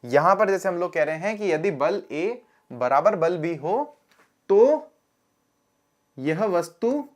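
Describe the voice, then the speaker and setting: A man's voice: high-pitched, very animated, slow pace. A man teaching a science lesson on video in a chatty way, often putting questions to his students. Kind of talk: classroom lecture video.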